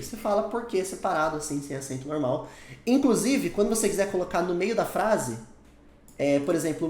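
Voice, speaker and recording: A man's voice: high-pitched, a little mellow, echoey room, slight background noise. A man with a Brazilian Portuguese accent teaching a whiteboard lesson, explaining patiently and often checking in with the learner. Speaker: English teacher.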